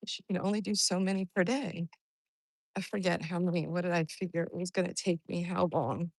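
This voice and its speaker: A woman with a notably creaky, slightly low voice talks to her livestream followers while out on an exercise walk. She rambles and thinks aloud in an unhurried, casual way. The sound is dry and close. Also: steady tone, dry recording, rough recording. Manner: talking while out walking for exercise. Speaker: livestreamer greeting and answering viewers. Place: outdoors on a walk in hot weather.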